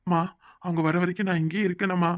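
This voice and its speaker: A man's voice: high voice, level tone, quick pace, muffled recording, natural voice. A man voicing a remorseful cartoon man who pleads and reproaches himself. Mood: begging. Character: remorseful man pleading with his brother-in-law. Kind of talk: cartoon voice acting.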